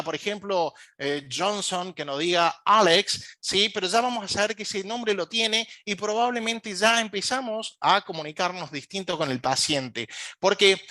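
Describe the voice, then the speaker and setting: A man with an Argentine Spanish accent gives a recorded lecture on emergency communication, often pausing on fillers and checking in with his audience. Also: sits high, bright, forceful tone, no echo. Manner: asks the audience frequent check-in questions; frequent hesitation fillers.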